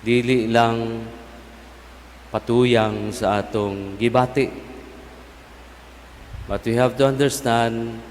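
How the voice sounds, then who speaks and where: A Filipino man, a native Cebuano speaker, preaching as a priest in a solemn, measured way with pauses between short phrases. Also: mid-range voice, steady tone, a little mellow. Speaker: priest giving a homily. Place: large church, speaking through a sound system. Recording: long basilica echo, some background noise.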